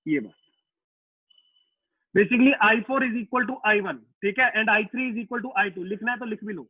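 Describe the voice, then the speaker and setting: A man's voice: sits high, measured pace, slightly rough, dry recording. A man teaching a physics lecture to an online class, casual and repetitive, often putting students' questions to himself. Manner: casual, addresses students as "beta" and "yaar". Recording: tinny, dry phone-like line.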